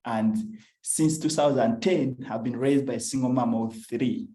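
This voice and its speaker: A man's voice: mid-range voice, unhurried, mellow. Young Ugandan man on an echoey call. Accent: Ugandan English. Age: young adult. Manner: earnest, storytelling, with frequent uhs. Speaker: climate activist speaker. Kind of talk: personal talk on a video call. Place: at home. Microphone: video call.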